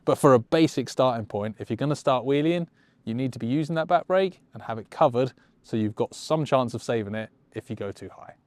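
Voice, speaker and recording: A man talks through a motorcycle riding tutorial in a casual, enthusiastic and encouraging way. His voice sits at an ordinary mid pitch and sounds dry and close. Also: expressive, brisk, no echo. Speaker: motorcycle riding instructor and show presenter. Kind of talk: explanatory tutorial.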